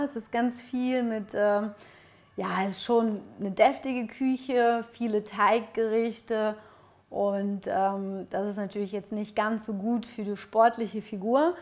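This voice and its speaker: A young woman chats easily to her viewers, her voice sitting a little high. She sounds close and clear on a clip-on mic in a bright living room, relaxed and full of small fillers. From Ukraine. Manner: friendly, chatty, many fillers. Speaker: fitness vlogger. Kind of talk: casual Q&A chat to camera. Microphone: lapel mic.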